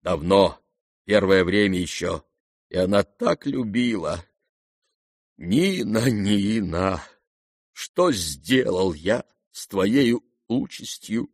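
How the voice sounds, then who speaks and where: A man's voice: on the low side, expressive, takes it slowly, no room sound, studio quality, full character voice. A man voicing an old disgraced general in an audiobook, rambling and sentimental, given to theatrical outbursts. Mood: tearful. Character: old drunken disgraced male general, maudlin and boastful. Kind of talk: audiobook character reading.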